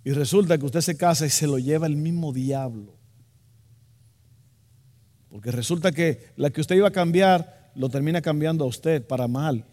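High-voiced man preaching in a reverberant hall. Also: moderate pace. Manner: lively preaching, acts out mocking voices and jokes with the congregation. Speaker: pastor. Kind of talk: sermon.

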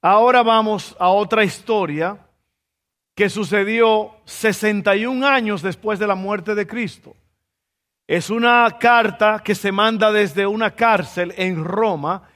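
A man preaching a sermon, telling a story with lively asides and rhetorical questions. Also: high voice, slow, in a large hall.

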